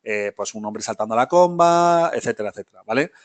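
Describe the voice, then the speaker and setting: A man's voice: medium pitch, expressive, brisk. A man teaching a film history class live, talking casually, often checking in with his students and correcting himself as he goes. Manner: many fillers and self-corrections.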